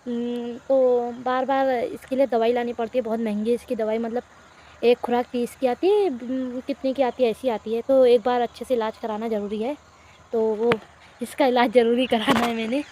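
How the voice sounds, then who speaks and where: A young woman with a fairly high voice, chatting to her viewers in a relaxed village vlog while nursing a cold. She talks straight into a phone outdoors, with faint insects and a light hiss behind her. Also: normal speed. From Uttarakhand hills, India. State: has a cold and sore throat. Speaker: village vlogger. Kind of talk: casual vlog chat.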